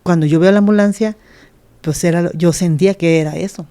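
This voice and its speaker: A woman's voice: lowish voice, a little fast, mellow, clean tone. A middle-aged woman, a pastor, telling her life story in an earnest interview and acting out the voices of the people in it. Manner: earnest, retells scenes by acting out quoted speech. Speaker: pastor, guest.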